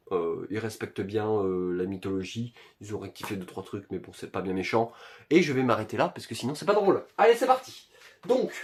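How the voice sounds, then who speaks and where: A young man, chatting casually through an unboxing of his purchases, with plenty of fillers and joking slangy asides. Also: mid-range voice. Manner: chatty, lots of fillers and self-corrections. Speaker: video creator showing his purchases.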